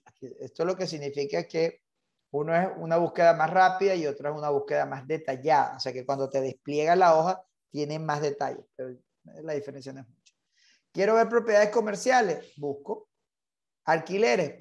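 A man's voice: fairly high pitch, fairly even intonation, a little fast, gravelly, a little mellow, highs cut off. A man leading an online real estate training class, insistent and repetitive, mixing English terms into his Spanish.

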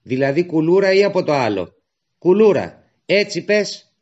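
A man's voice: high-pitched, very animated, lo-fi sound, pitched above the performer's own voice. A man doing a spirited young woman. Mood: eager. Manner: quick, bright, insistent questions. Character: eager spirited young woman resistance worker.

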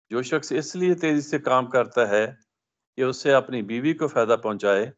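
A middle-aged man gives a religious lesson from prepared text, his delivery steady and recited, pitched at an ordinary middle level. The recording is dull and lo-fi, muffling the top end. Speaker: speaker at a religious study session. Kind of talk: reading a prepared religious talk aloud.

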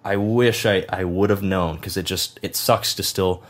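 A man's voice: deep voice, fairly even intonation, normal speed. A man hosting an interview, talking in a loose, rambling conversational way. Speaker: podcast host. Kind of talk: casual interview chat.

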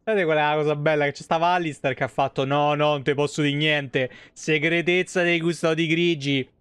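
A man with a smooth, fairly high voice and a Roman Italian accent chats to viewers like a game streamer, rambling in colloquial, sweary speech full of animated digressions. He talks briskly in a small indoor streaming room, and the sound is dry and close with no echo.

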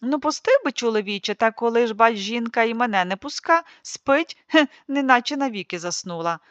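Жінка грає добродушного сільського чоловіка. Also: female voice, on the high side, animated, a little fast, fairly bright tone, no room sound, lo-fi sound. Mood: wry.

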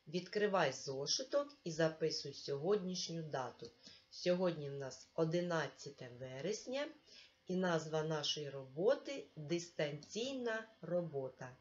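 A woman teacher talks a young pupil through a remote lesson, slow and patient and full of encouragement. Her voice sits a little low for a woman. The recording is dull and lo-fi. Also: darkish tone. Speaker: primary school teacher.

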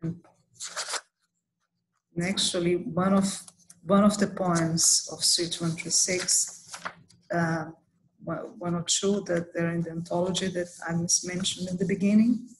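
A woman poet whose first language is Portuguese, reading her poems in a calm, measured way over a video call, with some hesitant fillers between them. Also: on the low side, slight background noise, rough recording.

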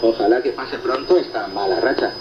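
This radio co-host, a man with a mid-range voice talking a little fast, goes through listener reports and replies in a conversational on-air style. It comes over shortwave: muffled, echoey, and buried in loud static.

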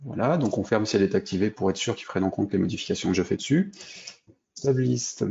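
Low gravelly French man teaching code. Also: fast talker, a little mellow, dull audio. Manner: hesitant, many fillers and restarts, thinks aloud while clicking. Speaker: programming instructor. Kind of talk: screen-recorded coding tutorial.

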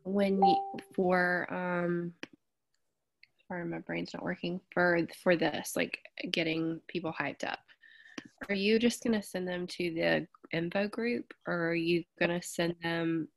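A woman on a video call asking a hesitant, halting question, with many restarts. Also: on the low side, fairly even intonation, vocal fry, no echo. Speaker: team member asking a question.

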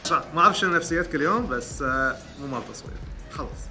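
A man's voice: on the high side, animated, very fast, over music. A man in casual vlog banter, impatient and hurrying the others along.

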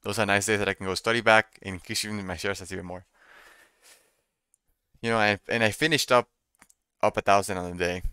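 A young man doing casual live trading commentary, thinking out loud and repeating his phrases as he muses. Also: lowish voice, steady tone, a little fast, long pauses, smooth, no room sound, studio quality. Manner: repeats phrases while musing to himself. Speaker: day trader streaming live. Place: small room indoors at a computer desk.

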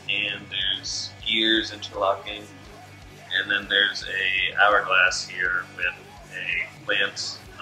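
A man's voice: on the low side, bright, forceful tone. A twenty-three-year-old man speaking hesitantly in a seated interview. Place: studio with gray backdrop. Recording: roomy studio with faint music.

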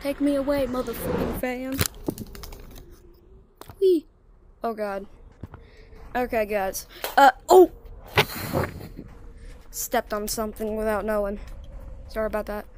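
A woman giving casual gameplay commentary, slangy and chatty, breaking into sudden gasps and rapid repeated exclamations. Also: on the high side, flat delivery, background noise. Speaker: gaming video creator.

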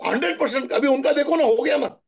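A middle-aged man from Maharashtra telling stories in a chatty, animated way during a spiritual talk. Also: very high-pitched, quick pace, vocal fry. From Maharashtra, India. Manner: chatty, animated storytelling with asides. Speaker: spiritual guest answering questions.

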